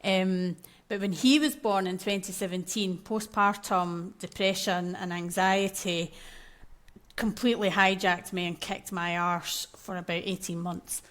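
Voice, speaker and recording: A woman's voice: lowish voice, fairly even intonation, a little slow, a bit bright. A woman in her thirties with a Scottish accent, talking candidly as a podcast guest and laughing easily. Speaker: podcast guest, maternal mental health coach. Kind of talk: conversational interview.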